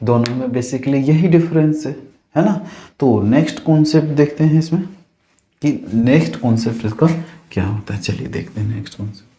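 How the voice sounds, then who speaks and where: A man's voice: medium pitch, a little fast, warm tone, echoey room. A man teaching a casual grammar class, repeating phrases and checking that the viewers understand.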